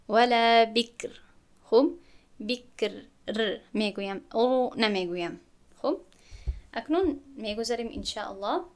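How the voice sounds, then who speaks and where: A woman with a Tajik accent teaching Quran recitation rules step by step, asking rhetorical questions and slowly chanting the example words. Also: medium pitch. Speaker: tajwid teacher.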